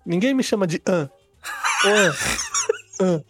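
A man on a podcast, reasoning dryly and deadpan in casual chat. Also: high voice, slow pace, loud music behind the voice. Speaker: podcast co-host.

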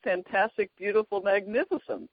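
An interview host in casual chat, reacting with effusive praise and eager questions at a middling pitch. The sound is dry and close, with no room around it. The audio is dull and lo-fi. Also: normal speed, no room sound.

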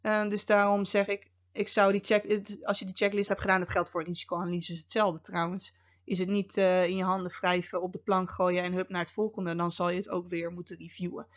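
A woman's voice: on the low side, flat delivery, brisk. Chatty woman with slightly muffled sound. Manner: conversational, frequent fillers, wry asides. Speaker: podcast host and security officer. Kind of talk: casual explanatory podcast talk.

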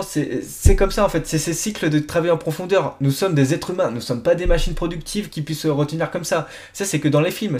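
A man's voice: on the high side, a little mellow. A young man hosting a solo podcast, talking casually to the listener with many fillers and restarts. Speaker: podcast host.

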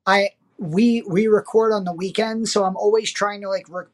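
A man's voice: sits high, steady tone, moderate pace. Man, co-host, casual chat, hesitant, enthusiastic, many fillers. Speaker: podcast co-host.

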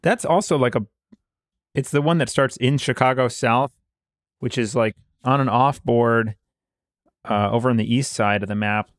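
A man's voice: medium pitch, dry recording, clean studio sound. Man explaining game rules casually. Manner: explanatory, pauses with fillers while recalling details. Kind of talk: casual board game discussion.

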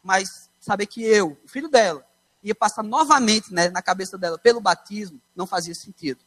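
A young man from Brazil with a São Paulo accent tells his faith story from the pulpit. His voice sits high for a man. He tells the story with animation and acts out the quoted lines. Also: a little fast, fairly bright tone. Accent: Brazilian Portuguese, São Paulo. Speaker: preacher giving testimony. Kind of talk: personal testimony.

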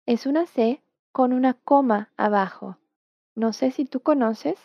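Speaking in a high, creaky voice, a native Portuguese-speaking woman patiently teaches her language, slowly modeling each word for the learner to echo back. There's no echo, and the sound is dull, dry and low-fidelity.

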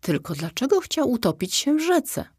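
A sensible little female flea, gentle and clever, as a woman reading a storybook puts her on. Her voice sits above the reader's usual pitch. The recording is dry. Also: very animated, moderate pace, slightly rough, no room sound, exaggerated voice. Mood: earnest.

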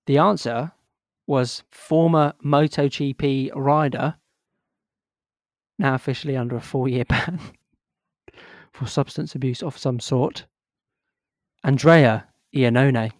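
A man's voice: mid-range voice, steady tone, takes it slowly, long pauses, a little mellow, no echo, studio quality. A man co-hosting a podcast in a casual, rambling chat, gushing with enthusiasm. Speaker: podcast co-host.

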